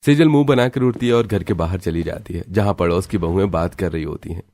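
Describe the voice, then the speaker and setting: A man narrates a cartoon story in an even, matter-of-fact way. His voice is very low. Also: fairly quick, faint music behind.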